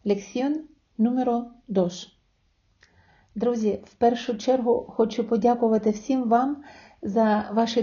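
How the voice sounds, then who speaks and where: A woman teaching a language lesson online, explaining patiently step by step and slowing down to sound out example words. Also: a little high, mellow, muffled recording.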